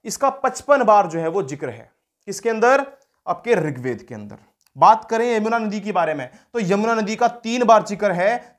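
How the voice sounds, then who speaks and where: High-voiced man teaching an exam-prep lesson. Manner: repeats key terms and asks the class questions, then answers them.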